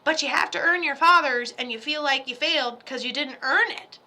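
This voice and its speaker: A woman with a high, bright voice gives a medium's reading over a video call. She talks in an animated, chatty rush, tossing in asides and the occasional curse. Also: a little fast. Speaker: psychic medium.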